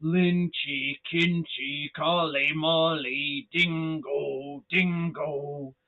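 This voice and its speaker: A man doing a loud sing-song dog. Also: fairly high pitch, steady tone, extremely slow. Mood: loud chanting. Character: dog singing a chant. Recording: tinny phone-like sound.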